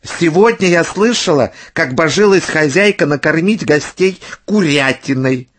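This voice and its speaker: A man voicing a grumpy, lazy pig who grumbles scornfully in a husky voice. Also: a little high, animated, a little slow, voice pushed up. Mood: grumbling.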